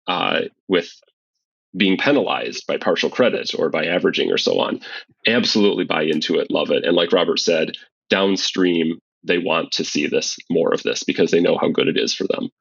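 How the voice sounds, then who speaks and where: Deep husky male guest, dull dry mic. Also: a bit bright, no room sound. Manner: earnest, measured, tag questions. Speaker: guest author, professor. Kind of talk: conversational interview answers.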